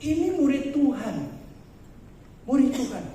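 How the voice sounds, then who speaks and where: A male pastor with a high, mellow voice delivers a sermon in a chatty way, turning often to his listeners with questions. The sound bounces around a large hall, and he is picked up from some distance away. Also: lively intonation, measured pace, a little hiss or hum. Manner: conversational preaching, addressing the congregation directly with rhetorical questions. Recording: echoey church hall, mic far off.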